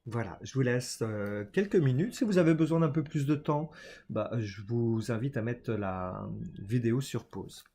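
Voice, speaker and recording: A man's voice: medium pitch, expressive, moderate pace. A man doing a casual oracle card reading for his viewers, talking hesitantly with many fillers and small laughs. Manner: hesitant, many fillers, chatty and warm-toned about cards.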